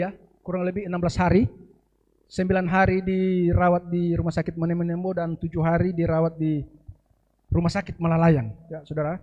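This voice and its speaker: A middle-aged man preaching a sermon in a conversational way, often adding a quick "ya" between phrases. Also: sits high, low-quality recording. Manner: conversational preaching with frequent "ya" asides. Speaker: pastor.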